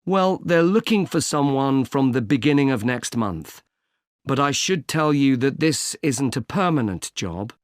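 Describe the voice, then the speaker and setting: A man playing a polite employment agency consultant in a scripted exam dialogue, speaking in a measured way and spelling words out slowly. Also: mid-range voice, animated, no echo, clean studio sound, natural voice. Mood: calm. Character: helpful male recruitment agent, patient and polite.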